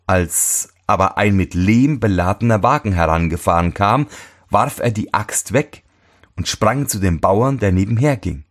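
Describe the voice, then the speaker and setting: Slow, husky male fairy-tale reader. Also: on the low side. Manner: expressive, voices each character. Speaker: storyteller. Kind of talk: scripted fairy-tale reading.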